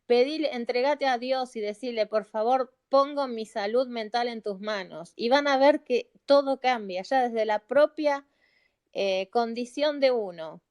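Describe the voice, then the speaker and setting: With a fairly high yet darkish, clear, and resonant voice, a middle-aged woman with an Argentine Spanish accent speaks at a measured pace. She's a psychologist pleading earnestly with her audience in a live audio room, repeating phrases to drive them home, over a phone or computer microphone.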